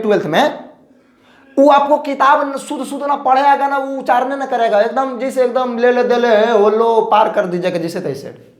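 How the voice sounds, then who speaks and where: High-voiced, lively Bihari teacher. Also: male voice, roomy sound. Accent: Bihari Hindi. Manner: lively, repetitive, joking with students. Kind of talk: classroom lecture. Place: classroom.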